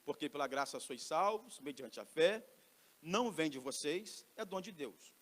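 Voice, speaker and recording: A Brazilian male pastor preaching a sermon, moving between loud emphatic exclamations and quiet asides, often questioning the congregation directly. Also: on the high side, expressive, moderate pace.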